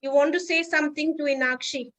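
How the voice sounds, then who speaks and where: A woman with an Indian English accent hosts a podcast interview in a fairly high voice. She gives warm thanks and often repeats words as she restarts her sentences. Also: steady tone, quick pace, rough recording. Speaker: podcast host. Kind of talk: casual interview wrap-up.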